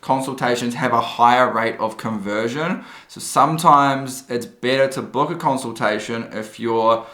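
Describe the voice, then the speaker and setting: Casual Kiwi male vlogger, informal salesman delivery, mid-pitched, roomy sound. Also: normal speed, sharp tone. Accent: New Zealand. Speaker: vlogger and car detailing business owner. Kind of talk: casual vlog talk and sales calls.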